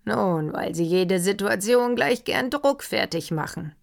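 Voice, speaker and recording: A woman's voice: mid-range voice, unhurried, creaky, pitched above the performer's own voice. A woman reading a composed, ironic count. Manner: calm, ironic storytelling. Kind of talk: audiobook reading.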